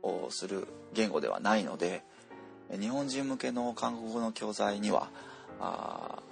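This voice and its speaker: A man teaching pronunciation, explaining slowly with many drawn-out fillers and repeating example words aloud. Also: fairly low pitch, animated, creaky, soft background music. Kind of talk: explanatory lesson, casual spoken.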